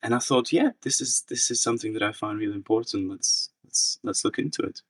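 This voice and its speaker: A man's voice: on the low side, fairly quick, breathy edge, dry recording, recorded from a distance, low-quality recording. A young man from the Czech Republic, a researcher answering interview questions in a thoughtful way, with many restarts and fillers. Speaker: researcher guest.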